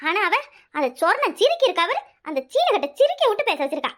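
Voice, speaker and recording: A woman's voice: very high-pitched, sing-song, quick pace. A woman with a Kanyakumari Tamil accent voicing an aggrieved older village mother in a cartoon, complaining theatrically. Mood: indignant. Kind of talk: animated cartoon comedy dialogue.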